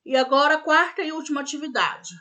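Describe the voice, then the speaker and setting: A woman's voice: high voice, steady tone, fast, bright, forceful tone. A woman teaching a recorded remote class for young pupils, patiently walking through the tasks and spelling words out letter by letter. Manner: checks in with "né?" and "tá bom?". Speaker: primary school teacher.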